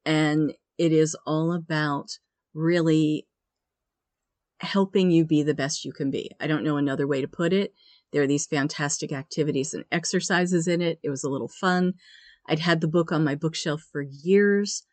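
A woman's voice: sits low, fairly even intonation, moderate pace, darkish tone, no room sound. A woman hosting a podcast, talking in an earnest, encouraging way. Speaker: podcast host. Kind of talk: motivational podcast talk.

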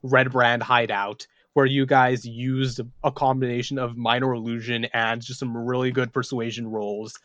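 Man, podcast game master, lively storyteller, mid voice, dry close sound. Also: medium pitch, moderate pace, few pauses, no room sound, highs cut off. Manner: animated, acts out characters while telling stories.

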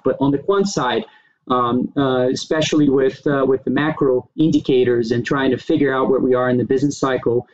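A man from Brazil, a portfolio manager, answering interview questions in a halting way with many fillers and restarts. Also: medium pitch. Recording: dull lo-fi remote audio.

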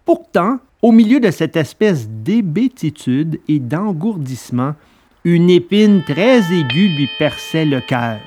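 A male narrator reading a classic children's tale aloud. His delivery is steady and expressive. His voice sits a touch above average pitch for a man. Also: slow pace, soft background music.

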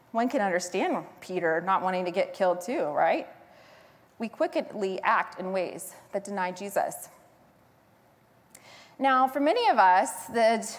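A woman preacher delivering an earnest, storytelling sermon with emphatic phrasing. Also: a little high. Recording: long hall reverb.

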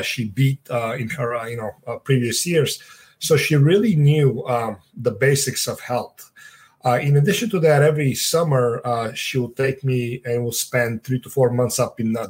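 Husky-voiced Bulgarian-accented man, halting. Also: mid-range voice. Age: 30s. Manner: halting, with many uhs. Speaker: podcast guest. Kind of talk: casual interview talk.

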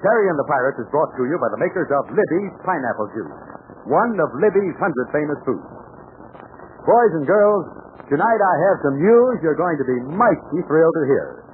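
Male old radio announcer, 1940s style, higher voice, emphatic and excited for young listeners, narrow crackly recording. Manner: excited, emphatic, addressing children. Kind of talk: old radio announcer, 1940s scripted sales pitch and narration.

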